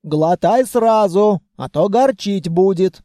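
A man's voice: high voice, expressive, slow pace, dark tone, no room sound, clean studio sound. A man voicing a stern, fussing old grandmother who heals by magic in an audiobook. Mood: bossy. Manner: scolding, commanding.

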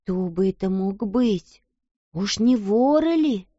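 A woman's voice: mid-range voice, lively intonation, takes it slowly, dark tone, no echo, muffled recording. A woman doing a timid, kind little schoolgirl. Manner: timid, hesitant.

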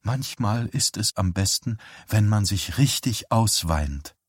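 A man's voice: on the low side, expressive, slow, slightly rough, no room sound, clean studio sound, heavily acted. A man voicing a devout middle-aged mother who talks fervently and exclaims her praise. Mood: coaxing.

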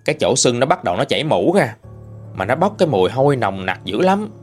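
A man's voice: mid-range voice, fast talker, faint music behind. A man with a Southern Vietnamese accent narrating a ghost story in a chatty, folksy way. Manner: lively, chatty folksy telling.

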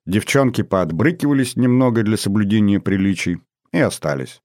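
Male audiobook narrator, low voice, measured storytelling, dry close mic. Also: a little mellow, no echo. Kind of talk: scripted narration.

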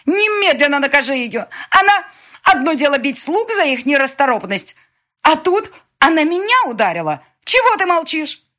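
A woman's voice: sits high, very animated, normal speed, bright, forceful tone, voice pushed up, heavily acted. A woman voicing a hysterical, scheming young mistress who screeches and whines. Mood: shrieking. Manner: screeching, whiny.

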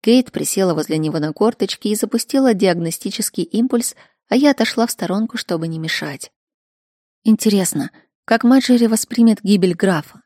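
Mellow-voiced woman narrating a story. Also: medium pitch, lively intonation, brisk, no room sound, studio quality. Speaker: audiobook narrator. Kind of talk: first-person story narration.

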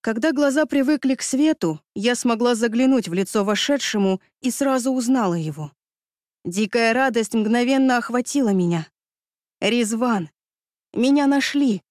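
A woman's voice: fairly high pitch, moderate pace, a little mellow, no room sound, studio quality. A woman reading a first-person story aloud with tense, dramatic delivery. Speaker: audiobook narrator. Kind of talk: first-person scripted narration.

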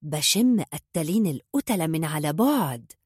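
A woman's voice: sits low, lively intonation, moderate pace, a little mellow, husky, no echo, studio quality. A woman voicing a flamboyant, boastful young gangster man with an Egyptian accent, reading a storybook. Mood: cocky. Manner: boastful, showy, eager.

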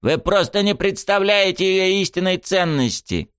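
A man voicing a cruel, treacherous male henchman who gurgles and rasps his threats in an audiobook. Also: sits high, lively intonation, normal speed, fairly bright tone, no room sound, studio quality, pitched above the performer's own voice. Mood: frantic. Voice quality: gurgling, rasping. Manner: threatening, mocking. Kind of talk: audiobook character voice.

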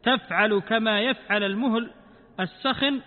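A man teaching a Quran commentary lesson. He addresses his listeners as brothers, poses rhetorical questions and answers them, and slows down when quoting verses. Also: high voice. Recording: tinny lo-fi audio with long hall reverb.

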